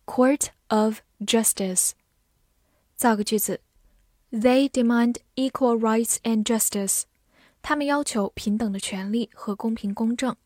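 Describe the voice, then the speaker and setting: A woman leads a scripted vocabulary lesson, spelling English words letter by letter and saying each one again. She talks very slowly in a slightly high voice. The recording is dry and close. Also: darkish tone, no echo.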